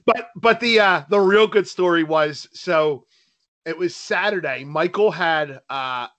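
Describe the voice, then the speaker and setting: A middle-aged man chats casually as a podcast co-host. His voice is bright and a touch high, and he tells stories in an animated way with frequent laughs. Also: measured pace. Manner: animated storyteller, laughs often. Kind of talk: casual chat.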